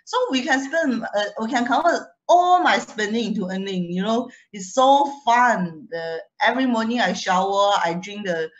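A young woman, a guest speaker, shares a personal testimonial in a chatty way, laughing often and restarting words. Her accent is foreign rather than Singaporean, and her medium-pitched, expressive voice moves at normal speed with hardly any pauses. The sound quality is lo-fi.

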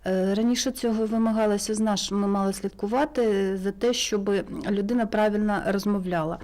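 A woman with a Ukrainian accent, a sound engineer chatting as a studio guest, telling stories with many pauses and fillers. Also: mid-range voice. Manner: relaxed, storytelling, many hesitations. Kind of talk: casual studio interview.

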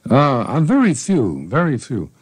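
An older man, a street poet, heard on an old 1970s radio interview recording, talking in a halting, folksy way and reading his own poem. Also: mid-range voice, wildly swooping pitch, husky, no echo.

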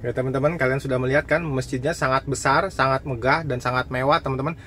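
A man's voice: medium pitch, steady tone, fast talker, pushed and bright, a little hiss or hum. A man vlogging from a moving car at night, chatting casually and guiding viewers along the road. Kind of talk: casual driving commentary.

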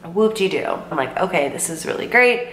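A sick vlogger in her twenties talks on the low side but expressively, a bit bright and at a normal speed, her voice worn and her throat sore. She tells a rambling, chatty storytime to the camera, quoting herself and using many "like"s and "um"s. It was filmed in a bedroom with bookshelves, with the camera in front at desk distance, and has a roomy sound with a faint hum.

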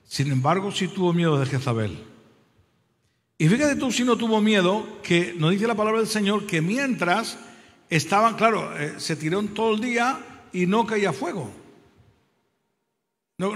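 Male preacher, high voice, fervent sermon delivery, calls out to the congregation, hall echo. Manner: calls out for applause and amens, loud exclamations; storytelling with dramatic slowdowns and hesitations. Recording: long hall reverb.

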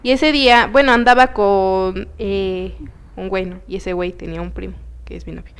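A young Mexican woman co-hosting a chat show, telling a story in an animated, slangy, playful way. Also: mid-range voice, moderate pace, clear, resonant tone. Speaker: co-host. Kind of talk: casual chat.

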